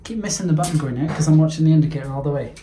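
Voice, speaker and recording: A man's voice: a little high, racing, soft background music. A young man vlogging casually about transport, enthusiastically pointing out details of a lift he is filming on a handheld camera. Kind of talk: casual on-location commentary. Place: lift inside a mountain station. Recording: echoey room with loud ambient noise.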